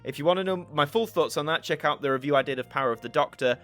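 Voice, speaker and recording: With soft music underneath, a young Yorkshire-born YouTube host chats casually through viewer questions, thinking aloud. His mixed northern English accent is mostly Yorkshire. He speaks fast in a slightly high voice with a fairly bright tone.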